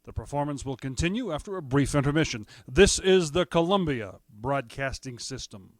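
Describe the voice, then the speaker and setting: A man's voice: medium pitch, animated, moderate pace, no echo. A man making a formal network announcement on a 1930s radio broadcast. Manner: formal, stately. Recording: old radio broadcast, dry.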